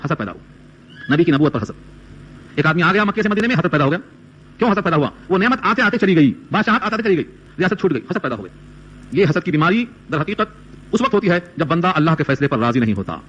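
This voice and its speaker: A man delivers a Quran commentary lecture in a high, bright voice. He recites a verse, then unpacks it with questions to his listeners. The sound has a broadcast, radio-like quality. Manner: recites Arabic verses, then explains them in Urdu with rhetorical questions. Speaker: Quran teacher.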